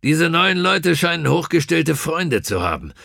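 A stiff, easily irritated senior army officer, as a male audiobook reader plays him. His speech is brisk and clipped, with a gravelly edge. The sound is close and dry. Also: a little high, sing-song, bright, forceful tone, no room sound, voice pushed up, heavily acted. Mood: gruff.

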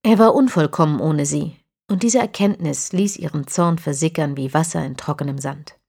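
A woman narrating an audiobook in a measured, even storytelling manner. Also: low voice, vocal fry, husky.

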